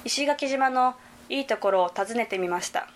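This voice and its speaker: A young woman from Hyogo narrating a prepared report, reading in a careful, measured way. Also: fairly high pitch, noisy background. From Hyogo Prefecture, Japan. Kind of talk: scripted narration.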